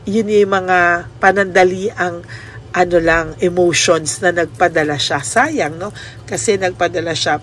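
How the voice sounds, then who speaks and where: Gentle woman host giving a personal reading. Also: on the low side, a little hiss or hum. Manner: polite, says "po" often and ends many lines with a questioning "no?"; mixes English words into Tagalog speech. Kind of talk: soft-spoken reading addressed to the listener.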